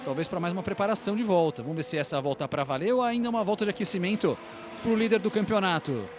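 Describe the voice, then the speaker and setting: Man, Brazilian accent, motorsport commentator, very high voice, excited live race calling, clear engine noise behind. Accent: Brazilian Portuguese. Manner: excited, building to drawn-out shouted calls.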